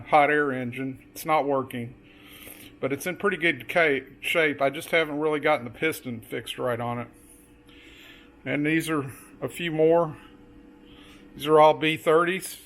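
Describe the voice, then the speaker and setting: A man giving a casual, unscripted show-and-tell tour as a hobbyist, pointing things out item by item in a halting way. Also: on the high side, a bit bright.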